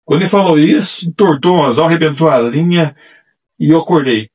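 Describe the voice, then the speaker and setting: A man telling his testimony as a church evangelist, animated and acting out the voices he quotes. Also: fairly high pitch, a little fast, breathy edge. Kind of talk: testimony storytelling. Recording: distant mic.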